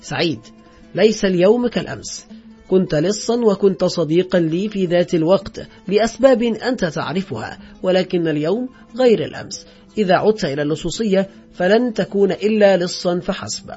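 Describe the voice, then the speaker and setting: A man voicing a successful, impatient older friend who lectures in a calm, dismissive way in an audiobook. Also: high-pitched, fairly quick, breathy edge, muffled recording, soft background music. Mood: lecturing. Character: successful middle-aged man, cool, impatient and preachy.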